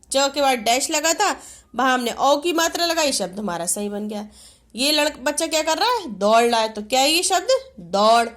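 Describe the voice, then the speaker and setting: High-voiced woman teaching small children. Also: fairly bright tone. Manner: asks questions and answers them herself, stretching words slowly. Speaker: kindergarten Hindi teacher. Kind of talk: online lesson for young children.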